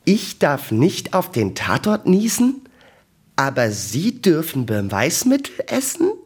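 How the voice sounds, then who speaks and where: A man's voice: fairly low pitch, animated, slow pace, husky, heavily acted. A man voicing an irritable young female detective who answers in a snappish, indignant way.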